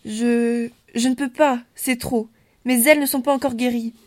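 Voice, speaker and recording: A man voicing a frightened young female pegasus pony in a dramatic story reading, pleading in a high voice. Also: moderate pace, darkish tone. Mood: tearful.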